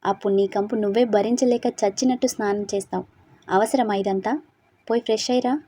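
Curt scolding young husband, dark husky voice as a woman narrator puts him on. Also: medium pitch, steady tone, fairly quick, lightly acted. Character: angry stern young husband.

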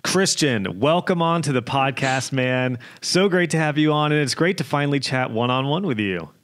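An upbeat young man hosts a casual podcast interview from a small home studio. He speaks at a mid pitch into a studio microphone, chatty and friendly in tone. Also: moderate pace, fairly bright tone. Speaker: podcast host. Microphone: podcast mic on arm.

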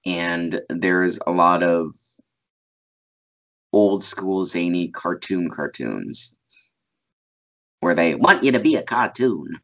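On a muffled video call from a small home room, a voice actor in his thirties gives a casual interview, rambling with lots of fillers, restarts, and laughter. His voice is low, expressive, and a bit bright, with a slow pace and long pauses.

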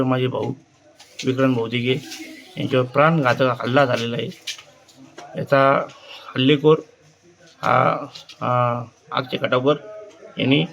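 Gravelly man, halting and aggrieved. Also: mid-range voice, a bit bright, dull audio, slight background noise. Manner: halting, repeating words, aggrieved. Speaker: friend of victim, interviewee. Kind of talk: news interview statement.

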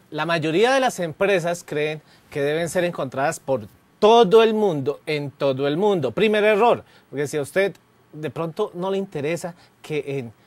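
A man hosts the course and chimes in on the lecture with casual examples. His voice sits high, and the sound is dry and close. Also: dry recording. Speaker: course host. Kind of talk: classroom lecture.

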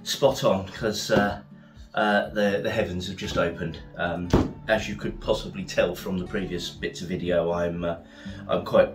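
Low-voiced man chatting through a DIY project. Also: steady tone, measured pace, over music. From England. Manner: rambling, many fillers and restarts. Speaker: bushcraft video maker. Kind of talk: casual DIY vlog narration. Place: small shed and home workshop.

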